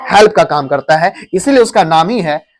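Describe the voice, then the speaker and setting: A man's voice: a little high, expressive, brisk. A man teaching grammar to a class of students, drilling them with repeated questions. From India.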